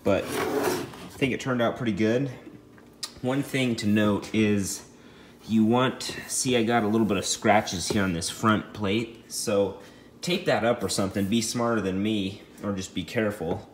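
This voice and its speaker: Hosting a DIY video, a man explains a job step by step, casual and plain-spoken. His voice is on the low side with fairly even intonation and an unhurried pace, and the audio carries a little hiss or hum.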